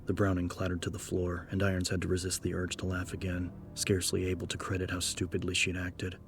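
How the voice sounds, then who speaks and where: A man narrates a horror story in a dramatic, scripted audiobook style, his low-pitched voice monotone and fast. Game-style music plays behind him.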